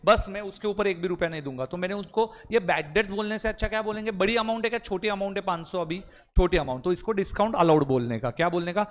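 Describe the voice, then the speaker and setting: A man teaching an accounting class, quizzing and scolding his students, mixing Hindi with Indian-accented English terms. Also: high voice. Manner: scolds and quizzes students, calls them beta. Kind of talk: live class lesson.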